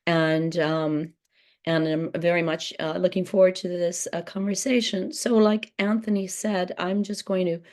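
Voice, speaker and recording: A woman with a croaky, hoarse voice from laryngitis, giving hesitant introductory remarks at a book talk as moderator, with many fillers and restarts. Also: lowish voice, fairly even intonation, measured pace, a little mellow.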